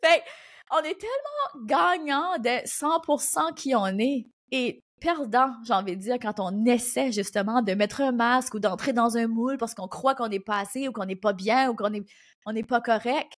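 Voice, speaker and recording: A woman with an Acadian French accent hosting her own podcast, giving casual, energetic business advice at a fast clip. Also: fairly high pitch. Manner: fast, animated, energetic talk. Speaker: podcast host and business coach. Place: indoor recording studio.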